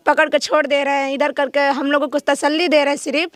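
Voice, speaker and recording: Casting high-voiced woman, grieving aunt, firm and blunt, dry sound. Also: level tone, quick pace, a bit bright, no echo. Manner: firm, demanding justice. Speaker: victim's aunt. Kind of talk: interview answers.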